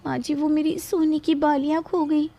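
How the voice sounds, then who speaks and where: A woman's voice: sits high, little pitch movement, moderate pace, warm tone. A woman voicing a timid young daughter-in-law in a cartoon, meek and pleading. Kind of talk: cartoon voice acting.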